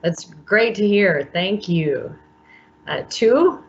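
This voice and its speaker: A woman moderating a workshop panel over a video call, measured and welcoming as she introduces each speaker. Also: mid-range voice, expressive, dull audio, a little hiss or hum. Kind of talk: hosting a panel.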